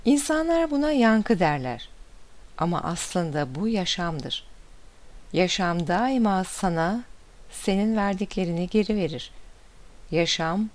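A woman reading aloud and voicing a wise father who calmly explains a lesson to his son. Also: on the low side, unhurried. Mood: explaining. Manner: calm, explaining.

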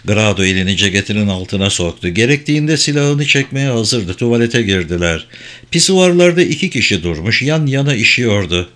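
A man's voice: fairly low pitch, expressive, brisk, a bit bright. Man narrating a thriller audiobook. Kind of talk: scripted narration.

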